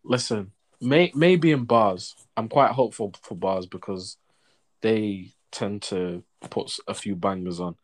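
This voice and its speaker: A man's voice: fairly low pitch, measured pace. A young man with a London roadman accent, chatting casually and protesting in slangy, repetitive bursts. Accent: London, urban roadman slang style. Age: young adult. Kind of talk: casual banter chat.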